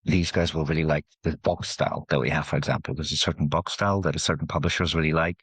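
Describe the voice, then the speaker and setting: Very deep, husky-voiced man. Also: quick pace, dry recording. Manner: relaxed, explains with examples. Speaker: game industry guest. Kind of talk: conversational interview. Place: podcast recording.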